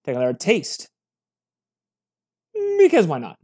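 Chatty man with a lively voice. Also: a little high, a little slow, husky. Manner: rambling, chatty, many fillers and restarts. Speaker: bourbon reviewer. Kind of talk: casual spoken review.

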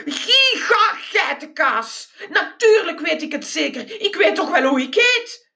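A woman voicing a flustered, fussy male mouse who gets easily exasperated, with indignant, rising high exclamations. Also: animated, takes it slowly, heavily acted.

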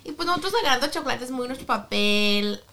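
A woman's voice: on the high side, lively intonation, fairly quick, a crowd in the background. A woman co-hosting a chatty podcast, telling stories and slipping English phrases into her Spanish. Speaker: podcast co-host. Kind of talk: casual chat.

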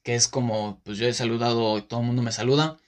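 A man's voice: mid-range voice, steady tone, fast. Man, Mexican Spanish accent, podcast host, casual monologue, rambling, self-correcting, lots of fillers.

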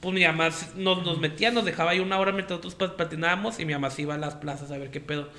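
A man's voice: a little high, steady tone, pushed and bright. A young man with a Monterrey accent telling stories in a casual chat, joking and full of slang. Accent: northern Mexican, Monterrey. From Mexico. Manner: rapid joking storytelling, heavy slang.

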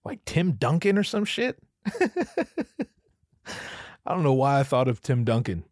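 Very animated yet measured in pace, a man with a medium-pitched, slightly mellow voice hosts a solo comedy show. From the US Pacific Northwest, he swears, rambles, and keeps interrupting himself. The recording is dry and studio quality.

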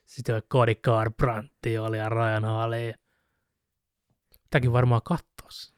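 A man casually chatting on a podcast, telling a story with animated retellings. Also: mid-range voice, smooth, no echo, studio quality. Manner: animated storyteller, mimics shouting with laughs. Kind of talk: casual chat about fighting sports.

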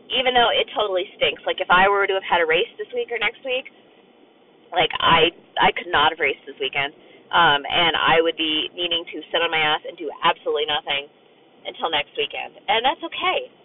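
Hoarse, raspy woman on a thin recording. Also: on the low side. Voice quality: raspy, strained. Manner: candid, colloquial, mildly sweary. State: hoarse and sick, voice nearly gone. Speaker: podcast host and fitness coach. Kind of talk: casual solo podcast chat. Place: inside a car on a dirt road. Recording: thin phone-like sound with road noise. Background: faint car and road noise.

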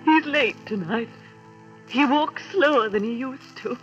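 A woman's voice: fairly high pitch, a little slow, highs cut off, soft background music. A tearful grieving mother. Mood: mourning. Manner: tearful, soft. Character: grief-stricken mother.

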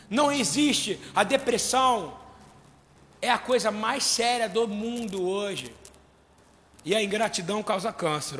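A man preaching a sermon, questioning his congregation and swelling to shouts. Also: high-pitched, in a large hall. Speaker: pastor.

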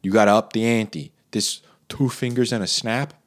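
A man's voice: fairly low pitch, moderate pace, heavy background noise. A man ranting comically about an advertisement, incredulous and riffing with lots of fillers. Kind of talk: comedic rant.

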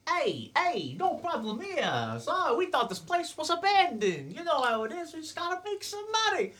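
A man voicing a small, shifty male goblin thief who talks his way out of trouble in a squeaky, wheedling voice. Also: wildly swooping pitch, normal speed, pushed and bright, exaggerated voice. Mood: nervous, placating.

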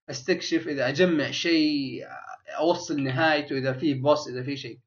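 A man talks in casual chat at a quick clip, his voice sitting a little high. He rambles and restarts his sentences often. The recording sounds dull and lo-fi. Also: fairly bright tone.

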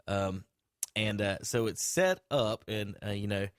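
A sports talk radio host goofs around with his co-hosts in the studio, ribbing them, filling gaps with "um"s and reading sponsor spots. His lowish voice is clear and resonant, a bit slow. The studio mic and headphones give a dry recording.

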